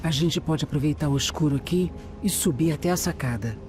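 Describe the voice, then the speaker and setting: With long reverb and music underneath, a man with a Brazilian accent narrates an audio drama in the first person as its protagonist, a methodical detective. The scripted delivery is measured and lightly acted, in a fairly high voice at a fairly quick pace.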